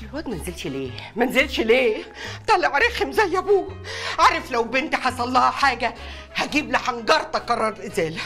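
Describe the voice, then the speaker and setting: A woman's voice: high-pitched, big pitch swings, brisk, fairly bright tone, faint music behind, exaggerated voice. An actress playing a bossy middle-aged prison warden scolding the doctor delivering her daughter's baby. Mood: fretting. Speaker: women's prison warden, a brigadier. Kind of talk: comic TV drama acting.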